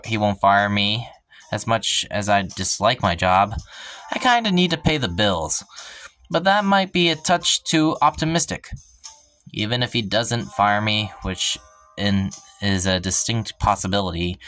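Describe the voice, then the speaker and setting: A man's voice: fairly low pitch, normal speed, fairly bright tone, clean tone, soft background music. A man hosting a let's play, reading a visual novel's first-person narration aloud, stumbling and breaking off now and then for wry asides.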